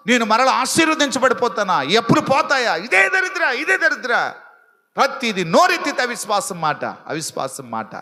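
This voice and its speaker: In a large hall, a male pastor preaches to a live congregation in an extremely high, bright, forceful voice. He teases the crowd about sleeping and repeats phrases as his intensity keeps rising.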